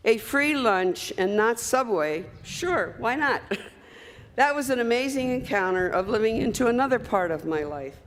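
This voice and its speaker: A woman's voice: fairly high pitch, expressive, normal speed, a little hiss or hum. An older woman giving a commencement speech, telling folksy stories with asides to the graduates. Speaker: commencement speaker. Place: large hall at a graduation ceremony. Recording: reverberant hall with faint ambience.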